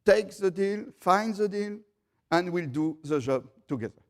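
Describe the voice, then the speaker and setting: A man's voice: high-pitched, expressive, unhurried. A man giving a conference panel speech, hesitant, with many fillers and repeated words.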